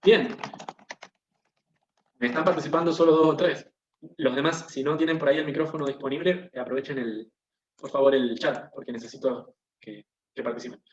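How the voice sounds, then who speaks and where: Teacher in an echoey online class. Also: male voice, medium pitch, fairly even intonation, moderate pace, pauses often, a little hiss or hum. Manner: explanatory, often checks in with the class. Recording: echoey, dull lo-fi video-call audio.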